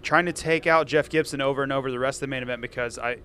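A man with a medium-pitched voice chats casually about sports. His humor is dry and matter-of-fact, and there is faint noise in the small room around him. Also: steady tone, racing, bright, forceful tone. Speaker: former racer, commentator. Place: small office cubicle.

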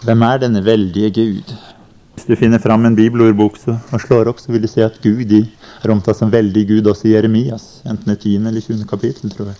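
A man's voice: lowish voice, flat delivery, dark tone, muffled recording. Man preaching on old cassette tape. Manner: plain teaching tone with scripture quotes and "ikke sant". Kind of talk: sermon. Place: summer convention meeting. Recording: 1990 cassette recording, uneven quality.

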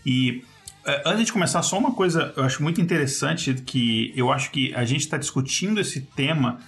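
A man with a Brazilian accent in casual podcast discussion, explaining things in a halting way. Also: medium pitch, animated, fairly bright tone, faint music behind. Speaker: podcast panelist.

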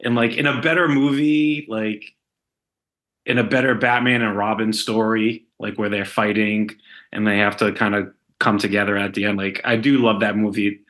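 A man's voice: lowish voice, little pitch movement, moderate pace, a bit bright. A man co-hosting a podcast, talking casually about a film in a hesitant way, full of fillers. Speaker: podcast co-host.

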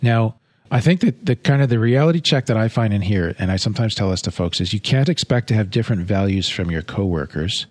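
Male podcast co-host, earnest advice-giver, slightly low voice, dry close sound. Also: animated, quick pace, a little mellow, dry recording. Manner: earnest and advising, often tags on "right?". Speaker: podcast co-host, marriage counselor. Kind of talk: advice-giving casual chat.

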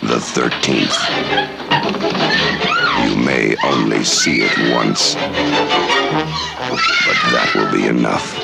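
Casting: sinister trailer narrator, extremely slow, menacing and deliberate, over loud music. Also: male voice, very deep voice, exaggerated voice. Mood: ominous. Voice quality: gravelly. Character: ominous male horror trailer announcer. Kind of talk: ominous vintage horror trailer voice-over.

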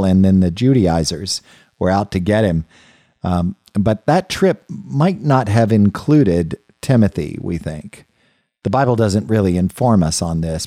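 A man's voice: sits low, dark tone, dry recording, studio quality. A man teaching a Bible study lesson in a thoughtful, conversational way, often restarting phrases and turning aside to the listeners. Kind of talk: unscripted Bible study lecture.

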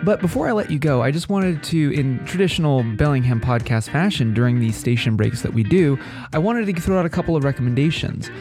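A man's voice: fairly high pitch, expressive, fairly quick, music in the background. A man with a nasal voice stuffed up by a head cold, chatting casually and playfully to listeners as a podcast host. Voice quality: nasal, congested voice.

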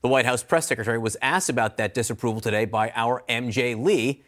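A man anchoring a TV newscast, reading the news in a crisp, measured broadcast style. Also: medium pitch, a bit bright.

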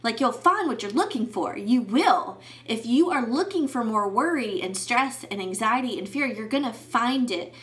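With a high-leaning, animated voice, a faith podcast host speaks at a moderate pace and barely pauses. Her casual monologue is candid and meandering, full of fillers and sentences she starts over.

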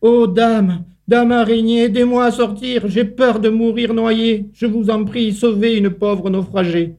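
A woman's voice: a little high, fairly even intonation, measured pace, mellow, voice pushed up. An older man voicing a small, panicked ant who begs to be saved from drowning, reading a fable. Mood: pleading.

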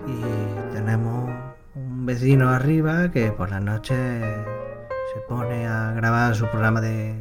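A performer playing a fed-up bar owner who complains in a slow, weary way in a comedy sketch. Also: mid-range voice, fairly even intonation, lightly acted. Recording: music playing behind.

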